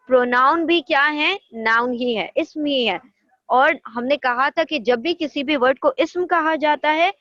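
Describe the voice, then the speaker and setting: Patient woman grammar teacher, unhurried, leads call-and-repeat drills; muffled, dead-dry recording. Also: high voice, fairly bright tone, no room sound. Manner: patient explaining, mixing in English terms, leads chanted repetition.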